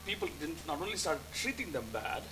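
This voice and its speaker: A man preaching in English, telling a story and acting out his talks with God, pausing for an interpreter. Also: fairly high pitch, sing-song, sharp tone, slight background noise, rough recording. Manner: storytelling, acts out dialogue with God. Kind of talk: sermon with interpreter.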